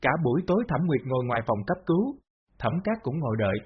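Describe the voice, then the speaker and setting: A man reading a story aloud in steady, even scripted narration. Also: medium pitch, quick pace, breathy edge. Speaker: audiobook narrator. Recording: dull lo-fi audio.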